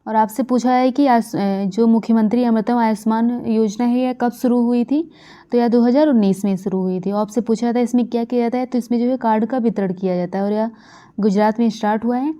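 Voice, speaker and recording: A woman's voice: on the high side, fairly even intonation, a little fast, mellow. A woman from India giving a current affairs lecture for exam preparation, repeating key facts with frequent fillers. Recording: dull lo-fi recording.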